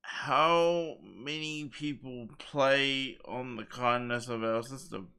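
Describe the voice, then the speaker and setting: A man's voice: medium pitch, slow pace, vocal fry, pushed and bright, clear, resonant tone. A man co-hosting a livestream, chatting casually in an earnest, emphatic way. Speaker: livestream co-host.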